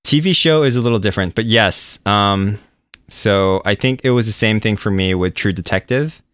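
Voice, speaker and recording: A man chatting casually on a podcast, relaxed and rambling, with a self-deprecating manner. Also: fairly low pitch, normal speed, clear, resonant tone, no room sound, clean studio sound. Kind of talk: casual chat.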